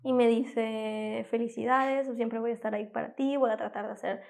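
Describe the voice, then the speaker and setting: A woman's voice: on the high side, brisk, creaky. A woman in her twenties telling her own story as a former patient in an interview, acting out the quoted dialogue and talking with many fillers and self-corrections. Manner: lively retelling that acts out quoted dialogue. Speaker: former patient giving a testimony. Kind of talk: personal testimony in an interview.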